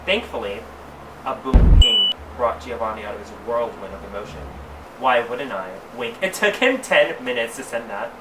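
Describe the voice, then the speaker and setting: A man's voice: mid-range voice, expressive. Sassy drag queen man in a noisy, echoey room. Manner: theatrical, drawn-out emphasis with mock-scandalized asides. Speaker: drag queen presenter reading fan fiction aloud. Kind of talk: comedic dramatic reading with casual asides. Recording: roomy, distant mic, clearly noisy background.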